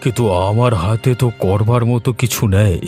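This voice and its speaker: A man voicing a wordy, fussy elderly village gentleman in a cartoon. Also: lowish voice, normal speed, faint music behind, lightly acted. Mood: weary, grateful. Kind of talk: cartoon voice acting.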